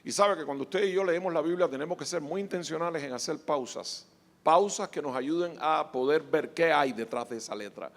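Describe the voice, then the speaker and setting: Gravelly, bright-voiced preacher in a hall. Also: male voice, on the high side, fairly quick. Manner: swings from hushed reading to shouted preaching. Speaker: pastor. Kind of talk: sermon. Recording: echoey hall.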